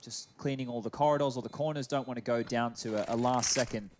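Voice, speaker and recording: A man's voice: medium pitch, fairly even intonation, fast talker. Man, esports caster, live match commentary, mid-range voice, light background noise.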